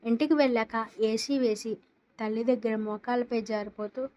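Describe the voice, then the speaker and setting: A woman narrating a romance story in a steady, dramatic reading style. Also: fairly high pitch, moderate pace, muffled recording.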